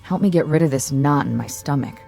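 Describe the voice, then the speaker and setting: An actress playing a quiet, thoughtful assistant code breaker with an uneasy manner in a radio drama. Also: female voice, low voice, a little fast, vocal fry, faint music behind.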